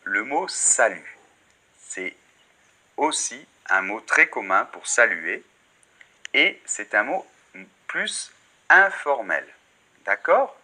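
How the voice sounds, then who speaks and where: Slow, patient male French teacher. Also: fairly low pitch, pushed and bright. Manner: slow, patient, models each sound and word for the learner. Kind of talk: beginner language lesson.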